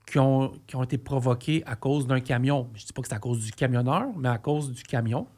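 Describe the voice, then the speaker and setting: A man's voice: mid-range voice, steady tone, fairly quick, darkish tone. A man in his forties with a Québécois accent, a trucker co-hosting a podcast, talking earnestly and rambling through restarts in casual discussion. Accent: Québécois French. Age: 40s.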